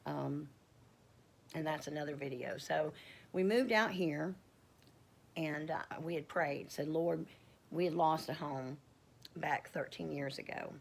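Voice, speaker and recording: A middle-aged homestead vlogger with a croaky, deep voice gives a casual personal testimony, rambling and halting with many fillers and restarts.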